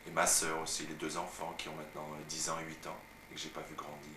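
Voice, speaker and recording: A young French actor from Paris telling stories of his career in a relaxed, chatty way, recorded on home video. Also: a bass voice, quick pace. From France. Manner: chatty storytelling, frequent "tu vois". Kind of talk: casual interview at home. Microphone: far camera mic. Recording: roomy, distant, noisy home video.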